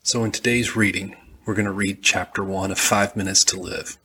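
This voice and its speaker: A man from Alabama with a Southern accent and a slightly husky voice, presenting and reading as an author on his podcast. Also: deep voice, fairly even intonation, normal speed, sharp tone, a little hiss or hum. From Alabama, United States. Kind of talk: podcast introduction and audiobook-style first-person narration.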